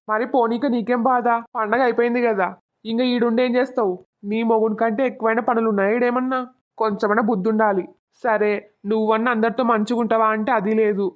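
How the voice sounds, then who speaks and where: A woman's voice: fairly high pitch, close to an everyday voice. A woman voicing a stern, angry middle-aged village father, scolding bluntly, on a dull lo-fi recording.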